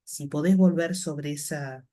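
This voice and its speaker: A woman with a Rioplatense Spanish accent, a course participant, putting measured questions to the teacher. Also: low-pitched, mellow.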